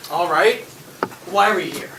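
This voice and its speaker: A man acts as a casually confident investor in a film scene. His voice is fairly high and his manner genial and emphatic. It is picked up from a distance with clear noise. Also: moderate pace, natural voice. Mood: curious. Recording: echoey room, distant mic, noisy clicks.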